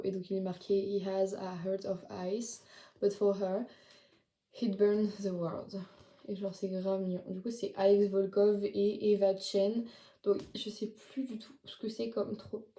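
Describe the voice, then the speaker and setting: A teenage girl talks through her haul in a loose, chatty way, leaning on casual fillers as she goes. Her voice is mellow and relaxed. The room around her rings with noticeable echo. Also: medium pitch. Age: late teens. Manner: chatty, many fillers like "genre" and "du coup". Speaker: vlogger. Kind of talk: casual haul video chat. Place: her bedroom.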